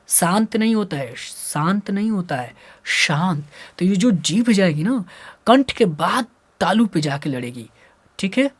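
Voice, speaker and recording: A man teaching Hindi grammar to school students, repeating letter sounds aloud and asking and then answering his own questions. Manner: jumps between loud drilled syllables and low muttering. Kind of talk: explaining lesson to students.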